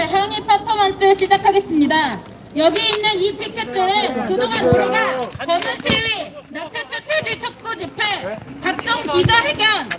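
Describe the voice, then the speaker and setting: A woman activist at an outdoor press conference reading a statement and leading chants in a forceful, declaiming way. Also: very high voice, low-quality recording. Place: outdoor plaza.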